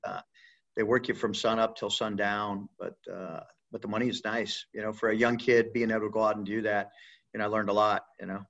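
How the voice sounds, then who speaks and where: A retired Air Force pararescueman in his forties, from the Midwest (Indiana/Michigan), rambles loosely as a guest in a casual interview, with many fillers and restarts. His lowish voice is brisk and gravelly with a fairly bright tone and little pitch movement. The audio sounds dull.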